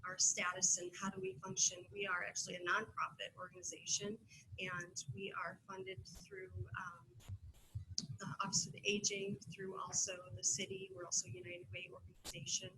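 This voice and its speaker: A woman presenting her community center to a panel audience, halting and full of fillers and restarts as she goes. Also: fairly low pitch, little pitch movement, background noise.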